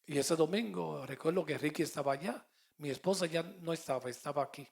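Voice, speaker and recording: Male pastor, Puerto Rican accent, sermon, gravelly voice, fairly high pitch. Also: fairly quick. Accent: Puerto Rican Spanish. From Puerto Rico. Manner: storytelling with quoted dialogue, swings between loud and soft.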